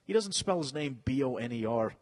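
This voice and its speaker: Husky-voiced male podcast co-host, loose and profane, joking banter. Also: mid-range voice, expressive, a little fast. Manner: crude, joking, swears freely. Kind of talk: casual banter.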